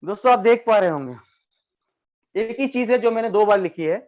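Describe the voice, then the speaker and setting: High-voiced male trainer, lo-fi call. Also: lively intonation, brisk, a little mellow. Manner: explanatory, keeps addressing listeners as friends. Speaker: network marketing trainer. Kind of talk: online training talk.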